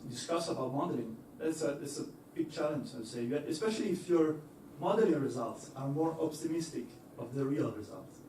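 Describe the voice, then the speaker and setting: An expressive young man with a dark voice on the high side gives an engineering talk a little fast, barely pausing. Even so he's hesitant, full of fillers and restarts, and laughs easily. The lecture hall echoes, he sounds distant, and there's slight background noise.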